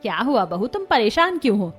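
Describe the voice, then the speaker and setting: Lady doing a snide cartoon mother-in-law, sharp tongue, higher voice. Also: sing-song, brisk. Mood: kindly. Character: scornful middle-aged mother-in-law. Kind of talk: cartoon story voice acting.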